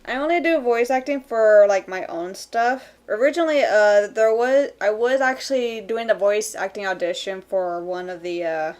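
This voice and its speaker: A woman's voice: mid-range voice, a little mellow. Rambling woman chatting on a stream. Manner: rambling with many fillers and quick laughs. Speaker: streamer drawing live. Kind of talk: casual chat while drawing. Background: faint background music.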